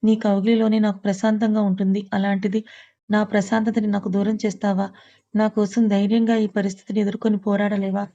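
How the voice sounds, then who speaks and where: A woman voicing a grieving young woman who pleads tearfully and softly at a loved one's bedside. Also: medium pitch, level tone, fairly quick, lo-fi sound, lightly acted. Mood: pleading.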